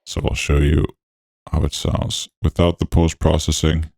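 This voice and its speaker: Man through a very deep voice changer. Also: little pitch movement, a little slow, gravelly, heavy background noise. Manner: laid-back and technical, with frequent fillers. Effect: voice changer deepening his voice. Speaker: music production tutorial host. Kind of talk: walkthrough narration over a screen recording.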